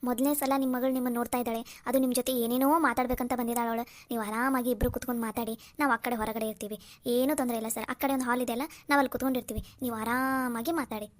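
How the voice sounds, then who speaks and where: A woman plays a kind young cartoon woman who looks after a little girl. She talks fast and reassuringly, in a fairly high voice. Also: steady tone, natural voice. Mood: coaxing. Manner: brisk, reassuring. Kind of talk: Kannada cartoon voice acting.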